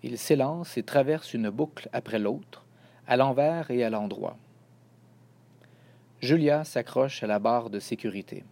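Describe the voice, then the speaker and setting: A man calmly reading a children's storybook aloud. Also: medium pitch, a little slow, long pauses. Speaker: narrator. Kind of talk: scripted storybook narration.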